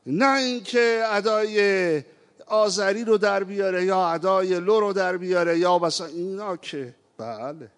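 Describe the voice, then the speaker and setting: A man preaching a sermon, moving from quiet reflection to impassioned appeals and slowly chanting verses. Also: high-pitched. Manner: impassioned, rising to emphatic appeals; recites verses in a slow chanting tone. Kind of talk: religious sermon. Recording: reverberant hall.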